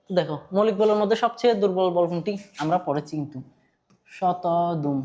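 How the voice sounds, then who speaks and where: Bangladeshi-accented physics tutor, chatty lecture, repeats and quizzes, mid pitch. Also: fairly quick, warm tone. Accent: Bangladeshi Bengali. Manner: conversational, quizzes students, repeats points, mixes in English terms. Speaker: physics teacher. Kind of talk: online class lecture.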